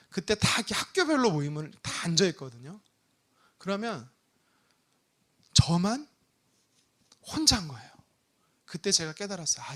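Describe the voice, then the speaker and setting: A male pastor preaching a Sunday sermon, telling a personal story with acted-out prayers. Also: high voice. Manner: animated storytelling with prayer re-enactments.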